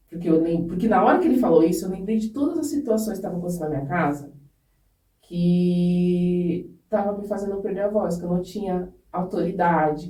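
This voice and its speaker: Woman, podcast guest, candid storytelling, earnest, mellow tone, echoey room, off-mic. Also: lowish voice, distant mic. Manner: earnest and candid, with frequent restarts. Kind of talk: personal storytelling in a podcast interview.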